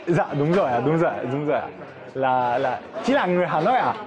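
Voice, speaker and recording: A man with a foreign accent chatting casually in halting, broken Vietnamese, searching for and repeating words. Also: a little high, expressive, lo-fi sound. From outside Vietnam, a foreigner. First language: not Vietnamese. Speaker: vlogger. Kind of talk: casual chat with strangers. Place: inside a restaurant. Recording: busy eatery chatter around the voice. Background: crowd chatter.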